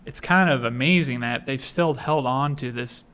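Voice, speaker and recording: A man co-hosting a podcast, talking in a relaxed, reflective way. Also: mid-range voice, moderate pace, clear, resonant tone. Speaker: podcast co-host. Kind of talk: casual conversation.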